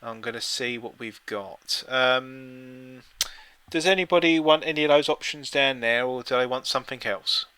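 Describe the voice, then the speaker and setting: A man's voice: mid-range voice, moderate pace, pushed and bright, clear, resonant tone, no room sound. A man co-hosting a casual live stream, joking and reading out listings. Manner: jokey, reads listings aloud in bits. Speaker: streamer co-host.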